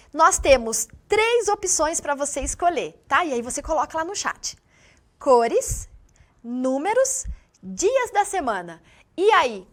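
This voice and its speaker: A woman's voice: sits high, a bit bright. A woman studio teacher running a live online class, upbeat and speaking straight to the students. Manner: upbeat, addresses students directly.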